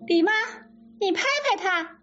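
Woman doing a bossy young lady in a storybook, high sharp voice, muffled recording w/ soft music. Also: sing-song, takes it slowly, exaggerated voice. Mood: commanding. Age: 20s. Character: proud sharp-tongued young noblewoman, frightened and ailing. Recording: dull lo-fi sound with faint music.

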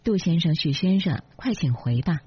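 一位女性朗读者演绎一个客气庄重、温婉沉静的年轻女子，声音略带沙哑。. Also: female voice, on the low side, animated, moderate pace, slightly rough, no room sound. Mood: polite. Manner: polite, solemn. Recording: dull lo-fi, dry.

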